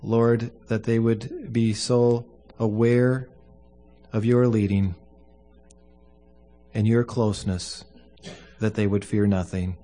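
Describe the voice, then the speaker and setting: A man speaking as a pastor at a funeral service, giving a solemn, earnest prayer in measured short phrases. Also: fairly low pitch, steady tone, warm tone.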